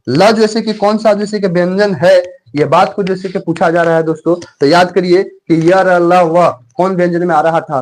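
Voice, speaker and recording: A man's voice: high voice, rough recording. A man teaches grammar for exam preparation. He keeps repeating points and quizzing his listeners. A faint hiss and occasional clicks sit under the recording. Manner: repetitive, fills speech with "jaise ki", quizzing viewers. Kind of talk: exam-prep grammar lesson.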